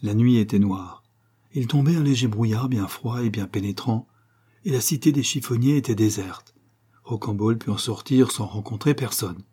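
Dark, husky male audiobook narrator. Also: fairly low pitch, normal speed. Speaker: audiobook reader. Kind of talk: scripted narration.

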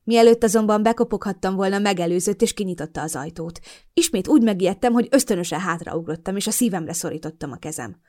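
A woman narrating a first-person audiobook with an expressive storytelling delivery. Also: medium pitch.

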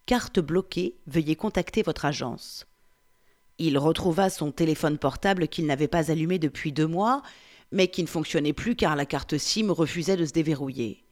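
A woman reading an excerpt of a novel aloud in a calm, measured way. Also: low-pitched. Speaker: book reader.

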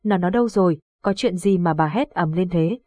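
A woman reading the lines of a grieving old village father in a horror audiobook, with a husky voice. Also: lowish voice, moderate pace, dark tone, no room sound, natural voice. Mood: panicked. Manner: pleading, distraught.

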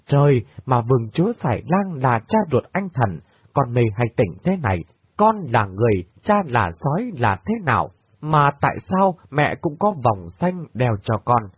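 A man's voice: medium pitch, very animated, moderate pace, slightly rough, no room sound. A man voicing a distraught young woman who cries out in anguish. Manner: anguished, crying out. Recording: dry, tinny phone-like sound.

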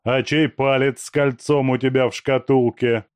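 A man reading an audiobook, voicing a stern male detective in disguise who accuses quietly. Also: medium pitch, flat delivery, moderate pace, clean tone, no echo, clean studio sound, pitched above the performer's own voice, natural voice.

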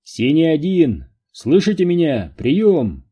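A man voicing a brisk male radio dispatcher making quick calls. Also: a little high, very animated, mellow, husky, voice pushed up, exaggerated voice.

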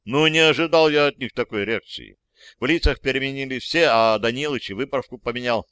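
A man's voice: mid-range voice, a little fast, fairly bright tone, smooth, no room sound. A man narrating a first-person audiobook in a wry, conversational way.

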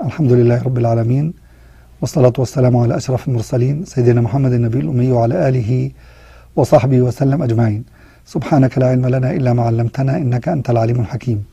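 A man with an Egyptian accent teaching Quran recitation rules, mixing formal Arabic with colloquial asides and chanting the verse examples slowly. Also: mid-range voice, mellow, husky, no room sound. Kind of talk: tajweed lesson with recited examples.

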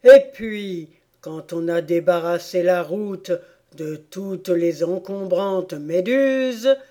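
A woman reading an audiobook voices a boisterous griffin creature that bursts out in loud exclamations. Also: lowish voice, takes it slowly. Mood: excitable.

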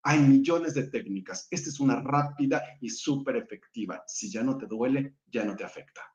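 A man who is a spiritual guest speaker answers audience questions and leads a calm guided visualization, talking in repeated lists with small restarts. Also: medium pitch, normal speed. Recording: roomy, dull lo-fi sound.

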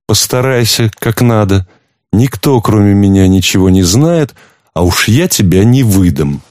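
A man's voice: lowish voice, animated, measured pace, a little mellow. A man reading an audiobook, voicing a stern, shrewd wife who speaks firmly and reproachfully. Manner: firm, cutting, reproachful. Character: stern shrewd wife, woman, coldly in control.

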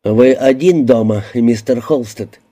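A tough detective firing blunt, menacing questions in a dark, warm, mid-pitched voice, as a male audiobook reader acts him. Threat sits under every line. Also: unhurried, natural voice. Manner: blunt, menacing, shouting at times. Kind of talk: audiobook character voicing.

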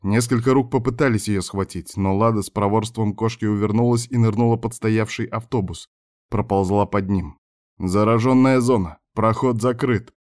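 A man narrating an audiobook with steady storytelling. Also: lowish voice, moderate pace. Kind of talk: scripted narration.

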